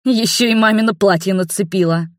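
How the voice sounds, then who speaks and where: A woman's voice: medium pitch, normal speed, no echo, clean studio sound, close to an everyday voice. A woman voicing a spoiled young princess who is furious and demanding, speaking in a raised, indignant voice. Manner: indignant, shouting.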